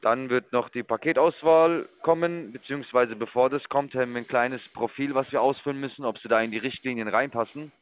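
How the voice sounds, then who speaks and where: A man's voice: medium pitch, fairly quick, hardly any pauses, dull audio. A man working as an investment sales caller, lecturing and condescending as he walks a customer through a sign-up. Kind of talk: phone sales call.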